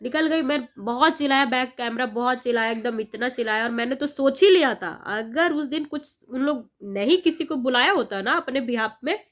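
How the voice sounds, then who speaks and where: A woman's voice: high voice, normal speed, few pauses, a bit bright. A young woman vlogger speaking passionately and indignantly to her viewers, recounting an incident. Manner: impassioned, indignant, addresses viewers directly. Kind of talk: emotional first-person vlog recounting an incident.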